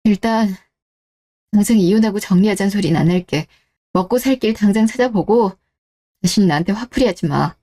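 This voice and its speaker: In radio-drama dialogue, a woman plays a betrayed, cool-headed wife who questions and reproaches, lightly acted. Her medium-pitched, mellow voice moves a little fast, and her manner is cold, interrogating, and reproachful, the mood stern and unforgiving.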